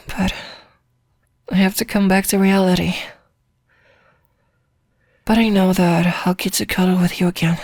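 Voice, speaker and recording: A woman performing an ASMR role-play as a sleepy, lovesick girlfriend, rambling softly and intimately as if leaving a voice message. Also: medium pitch, dry recording, clean studio sound. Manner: soft, drowsy, intimate, rambling with pauses.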